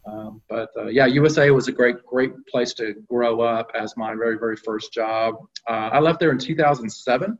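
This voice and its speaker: A man's voice: mid-range voice, normal speed, few pauses, highs cut off. A middle-aged man answering interview questions as a guest, talking conversationally with frequent fillers and restarts. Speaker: guest, company executive.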